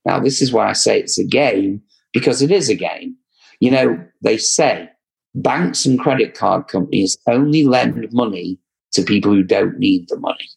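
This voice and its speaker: A man's voice: on the low side, vocal fry, breathy edge, rough recording. A man with an English accent, a credit repair business owner giving earnest, repetitive advice in a casual chat. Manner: earnest, advising, repeats for emphasis. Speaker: credit repair company guest.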